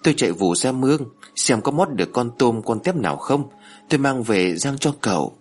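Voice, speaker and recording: Man voicing a gentle young wife. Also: mid-range voice, sing-song, normal speed, breathy edge, faint music behind. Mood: worried. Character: young wife, gentle but quick to answer back.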